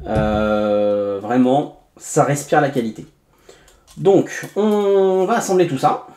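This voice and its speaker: A man's voice: medium pitch, slow pace. A man hosting a casual unboxing review, chatty, with many fillers and asides to viewers. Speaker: tech reviewer host. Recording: echoey room, faint background noise.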